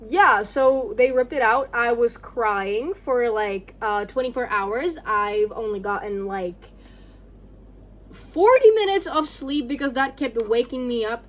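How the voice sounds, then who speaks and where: A young woman chatting casually through a personal storytime, candid and sweary, rambling with lots of "like". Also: on the high side. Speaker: vlogger. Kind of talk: casual chatty storytime while getting ready.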